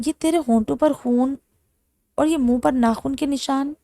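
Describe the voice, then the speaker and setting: A woman's voice: sits high, warm tone, no echo. A woman reading as a blunt, exasperated young man.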